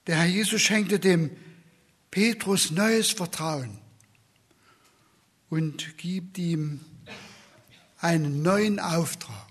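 A man preaching a sermon in a slow, earnest way, dropping to a soft whisper for repeated questions. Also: on the high side, slightly rough.

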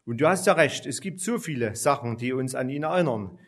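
A man voicing a gentle mother speaking thoughtfully to her son in a children's storybook reading. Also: mid-range voice, expressive, fairly quick, close to an everyday voice.

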